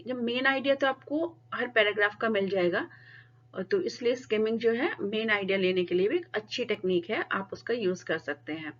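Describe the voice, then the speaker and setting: A woman's voice: mid-range voice, highs cut off. Woman teacher lecturing, mixing in English. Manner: explains in Hindi mixed with English, reads English definitions slowly. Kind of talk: classroom lecture.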